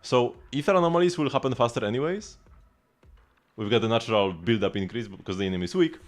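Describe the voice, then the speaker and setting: A man's voice: mid-range voice, fast, faint music behind. A man livestreaming a video game, chatting casually and explaining team strategy in a rambling way with frequent restarts.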